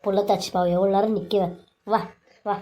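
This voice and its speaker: A woman's voice: mid-range voice, fairly even intonation, fairly quick, warm tone, close to an everyday voice. A woman voicing a scheming mother-in-law in a cartoon serial, who scolds one daughter-in-law and fusses over the other. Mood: coaxing. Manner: scolding and dismissive, then fussing and coaxing. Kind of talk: Tamil cartoon serial voice acting.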